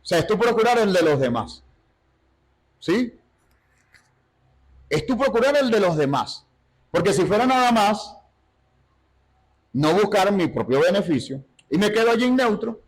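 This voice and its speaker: A man teaching a Bible study in sermon style, animated, asking rhetorical questions and acting out quotes. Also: sits high, a little slow, pauses often, husky, poor audio.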